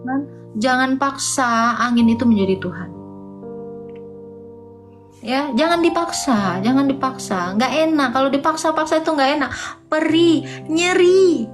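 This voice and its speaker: A woman's voice: high-pitched, expressive, normal speed, long pauses. A woman hosting a casual livestream debate, teasing and mocking viewers with sing-song rhetorical questions. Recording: music playing behind the voice.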